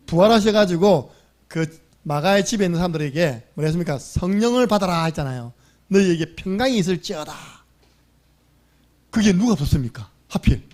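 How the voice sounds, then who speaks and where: Pastor guy preaching, high voice that swings all over, acts out the bible characters. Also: fairly quick. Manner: animated storytelling, acting out quoted voices; asks the congregation questions. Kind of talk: sermon. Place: church sanctuary.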